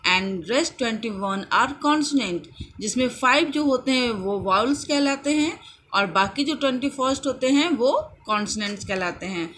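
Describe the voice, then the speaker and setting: Woman teacher, phonics lesson, slow repeated sounding out, clear bright tone. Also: a little high, slight background noise. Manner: slow, drawn-out repetition of sounds and words.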